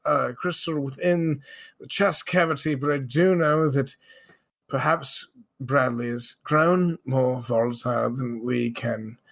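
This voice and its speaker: A man's voice: medium pitch, takes it slowly, a bit bright. A man at a tabletop role-play table, describing what his character does. He stops and restarts often, padding his lines with fillers and playful asides. His voice sits in a middle register. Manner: hesitant narration with many fillers, theatrical asides. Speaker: player.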